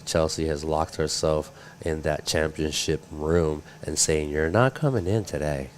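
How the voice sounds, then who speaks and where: A man's voice: a bass voice, a little slow. A man casually chatting through live commentary as a surf contest announcer.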